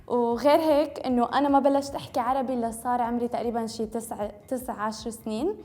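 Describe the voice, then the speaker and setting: Speaking rapid-fire in a warm, high-leaning voice with fairly even intonation, a young Lebanese beauty vlogger chats casually to camera. French was her first language, and her Tripoli Lebanese Arabic shows hints of a Syrian Homs accent. She slips English words into her talk and keeps correcting herself.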